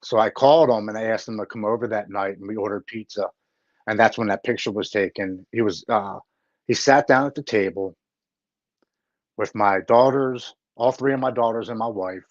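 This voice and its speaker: A man's voice: fairly low pitch, moderate pace, no echo. A middle-aged man telling his own story as an interview guest, blunt and plain-spoken, swearing casually. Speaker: interview guest, recovery advocate. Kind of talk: personal story in a live interview. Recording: dull lo-fi dry sound.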